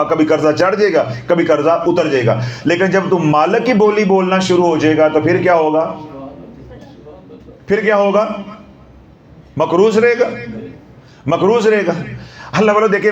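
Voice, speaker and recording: A man's voice: high voice, roomy sound, muffled recording. A man giving a sermon as a preacher, repeating phrases for emphasis. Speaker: Islamic preacher. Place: rooftop gathering.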